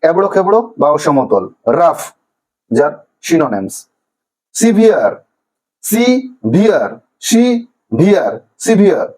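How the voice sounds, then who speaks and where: A man from Bengal teaching a primary school English lesson, sounding words out slowly syllable by syllable. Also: fairly high pitch, sing-song, darkish tone, rough recording. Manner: slow, drawn-out pronunciation of each word by syllables. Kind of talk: classroom lesson explaining vocabulary.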